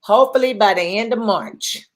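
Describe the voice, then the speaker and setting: A woman's voice: mid-range voice, moderate pace. A middle-aged woman co-hosting a casual talk show, chatty, often repeating herself and pressing with questions. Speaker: podcast co-host. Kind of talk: casual chat.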